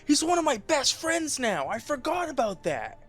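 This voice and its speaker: A man's voice: very high voice, huge pitch swings, moderate pace, fairly bright tone. Young guy on a podcast mic, swears a lot, rambles through stories, faint music under him. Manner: profane, rambling storyteller. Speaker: podcast co-host. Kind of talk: casual chat.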